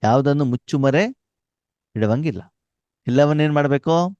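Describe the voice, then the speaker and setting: A man's voice: a little high, moderate pace, a little mellow, dry recording, dull audio. A man giving a spiritual class, asking questions for the audience to finish and mixing in Hindi phrases. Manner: asks questions for the audience to complete; mixes Hindi phrases into his talk. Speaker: spiritual teacher.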